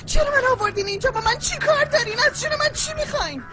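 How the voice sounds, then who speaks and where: A woman dubbing a defiant kidnapped young woman who yells insults and cries for help in a TV drama. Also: very high voice, music in the background. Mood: angry, struggling. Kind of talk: dubbed TV drama.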